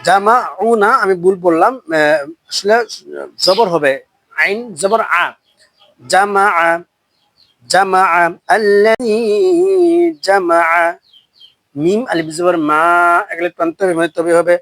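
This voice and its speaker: A man teaching Quran recitation, spelling out each syllable, then chanting the verses slowly and drawn out, with brisk explanations in between. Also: high voice, a bit bright, no echo. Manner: brisk explanations between recitations, asks learners to repeat and comment. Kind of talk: spelling-out and slow recitation lesson.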